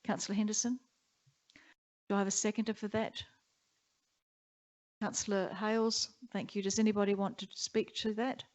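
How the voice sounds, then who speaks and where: A woman chairing a council meeting, running through motions and votes in a brisk, procedural way. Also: medium pitch, flat delivery, a little mellow. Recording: dull muffled council chamber audio.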